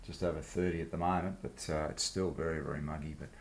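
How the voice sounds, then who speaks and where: Low-voiced Australian man in a workshop. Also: steady tone, fast, creaky, husky. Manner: laid-back, blokey, informal. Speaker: host of a machining project video series. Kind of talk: casual hands-on workshop vlog, explaining the job. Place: home workshop.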